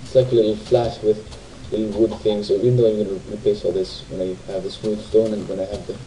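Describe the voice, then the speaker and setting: Rambling low-voiced man playing a game. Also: level tone, fast, warm tone, slight background noise, rough recording. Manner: rambling, self-talking, asks viewers tag questions. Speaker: gamer. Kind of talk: casual let's play commentary. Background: faint game music.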